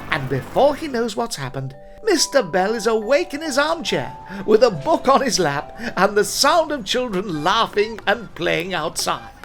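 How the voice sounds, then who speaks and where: A man's voice: high-pitched, big pitch swings, unhurried, few pauses, fairly bright tone, soft background music. Man narrating a cartoon storybook-style.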